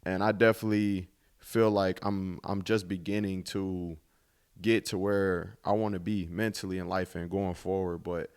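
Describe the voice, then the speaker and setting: Here the same kind of casual solo podcast monologue comes from a twenty-something male host, relaxed and reflective with some offhand cursing. He speaks at a moderate pace in a low, steady, smooth voice.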